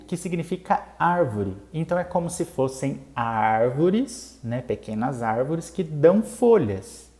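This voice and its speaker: A man's voice: mid-range voice, dark tone. A man with a Brazilian Portuguese accent who hosts a plant channel, patiently explaining a topic step by step in a casual lesson and often checking in with his viewers. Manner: patient, explains step by step, tags lines with "né?" and "tá bom?".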